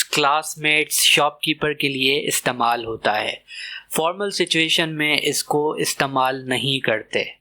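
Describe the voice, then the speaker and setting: A male language teacher speaks with a bright, slightly high voice. He talks very slowly and deliberately through a scripted beginner lesson. He repeats each word so listeners can copy it. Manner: repeats words slowly for pronunciation drills.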